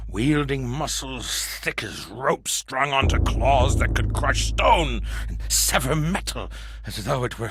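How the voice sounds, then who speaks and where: A man playing a half-mad male survivor in a horror monologue, lurching between hushed whispers, manic laughter and shouts. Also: medium pitch, gravelly. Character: half-mad male survivor raving about monstrous parasites.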